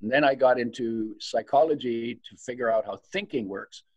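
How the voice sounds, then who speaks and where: Speaking at a moderate pace in a mid-range voice with no echo, a septuagenarian guest recounts his personal story over video from a home study lined with bookshelves. He was raised in Poland in a German-speaking household, and he laughs between his reflective sentences.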